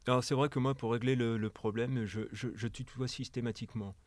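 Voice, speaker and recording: A man, a podcast guest who talks hesitantly, full of pauses and restarts. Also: mid-range voice, fairly even intonation, no room sound. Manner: hesitant, many fillers and restarts. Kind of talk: casual panel discussion.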